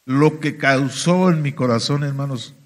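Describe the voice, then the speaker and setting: In church, a man with a Mexican accent delivers a sermon testimony at a measured pace in a medium-pitched voice. He speaks emphatically, frequently turning to the congregation and calling them "hermanos."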